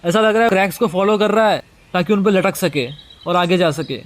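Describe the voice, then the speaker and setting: An experienced manga climber explaining what he sees, read aloud by a man. The voice is lower than the reader's usual, steady and explanatory. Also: a little fast, natural voice.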